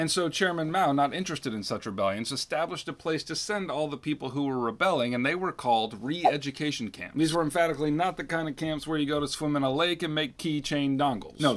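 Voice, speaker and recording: A man teaching a history lesson in a lively, joking, conversational way. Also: mid-range voice. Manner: jokey, conversational, emphatic. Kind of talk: energetic video lesson.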